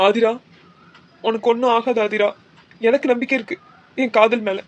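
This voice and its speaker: A man's voice: very high voice, fairly even intonation, normal speed, lo-fi sound. A man voicing a grieving young husband in a cartoon, speaking in an emotional, pleading way. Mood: distraught. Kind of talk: cartoon dubbing.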